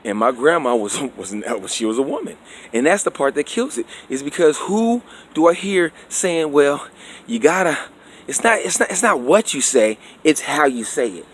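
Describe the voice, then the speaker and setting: A man's voice: on the high side, big pitch swings, normal speed, slight background noise. Preachy man lecturing with asides. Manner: preachy and conversational, keeps asking "you know what I'm saying". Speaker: vlogger. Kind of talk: opinion monologue.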